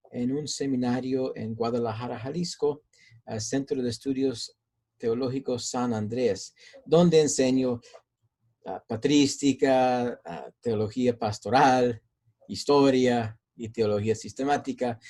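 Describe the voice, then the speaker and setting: A pastor who also teaches at a seminary answers interview questions in Spanish with a mellow, mid-range voice. His accent blends American and Mexican Spanish, and he speaks hesitantly, full of fillers and repetitions.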